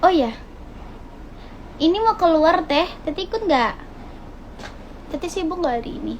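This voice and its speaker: High-voiced young woman vlogging at home. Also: animated, measured pace. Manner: chatty, greets viewers brightly. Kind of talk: casual family vlog chat. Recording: noisy home video recording.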